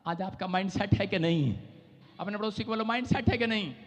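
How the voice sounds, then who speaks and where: A man preaching an impassioned, repetitive revival sermon, often breaking into shouts. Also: sits high, fairly quick. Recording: echoey hall, dull lo-fi sound.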